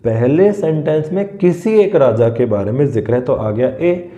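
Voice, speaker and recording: A man with an Indian accent teaching English grammar in a casual lesson, patiently repeating example sentences slowly. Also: medium pitch, animated, warm tone, roomy sound, muffled recording.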